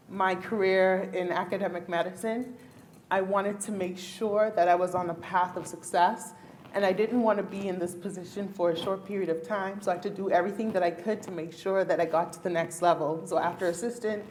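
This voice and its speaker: In a darkish, mid-range voice, a Bahamian woman who practices neurology answers a panel question at a luncheon hall with slight background noise. Her delivery is earnest and emphatic, punctuated by frequent laughs.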